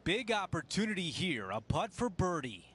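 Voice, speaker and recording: A man calling golf shots in short, lively lines for a video game. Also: high voice, normal speed, noisy background. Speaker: golf commentator. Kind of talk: scripted video game commentary.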